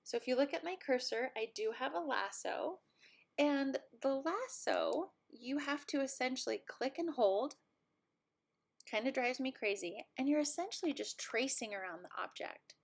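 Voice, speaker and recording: Casual, encouraging woman teaching software. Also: high voice, expressive, normal speed, vocal fry. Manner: casual, self-deprecating, encouraging. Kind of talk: screen-recorded software tutorial.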